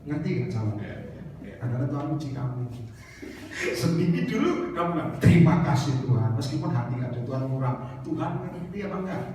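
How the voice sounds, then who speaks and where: Preacher guy, super animated pitch, sounds far off in a big echoey church hall. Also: brisk, slight background noise. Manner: lively storytelling, acting out voices, joking with the congregation. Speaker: evangelist preacher. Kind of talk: sermon. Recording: roomy hall echo, heard from a distance.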